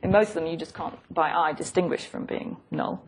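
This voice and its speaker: A female physics lecturer with a low, breathy-edged voice speaks fairly quickly. She explains in a thoughtful, professorial way, hesitating and repeating phrases. The lecture recording is noisy, with clicks.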